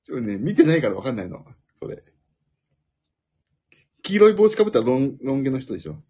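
A man talking alone in a loose, rambling way, his voice breathy and very husky. His pitch swings widely as he goes, rising high when excited and sinking low in asides. He laughs at his own jokes. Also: fast. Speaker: podcast host. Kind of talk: casual solo chat.

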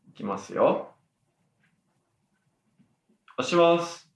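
A man's voice: on the high side, lively intonation, very slow, roomy sound. A young man co-hosting a casual comedy game chat, hesitant and full of fillers as he searches for words, and teasing his partner. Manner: hesitant, lots of fillers when explaining, teasing. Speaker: podcast co-host.

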